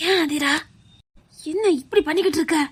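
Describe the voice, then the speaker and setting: A woman's voice: extremely high pitch, fairly quick. A woman playing a practical aunt who consoles and lectures patiently, speaking with a Tirunelveli accent. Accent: Tirunelveli Tamil. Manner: soothing yet lecturing, reasoning patiently. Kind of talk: web series drama acting.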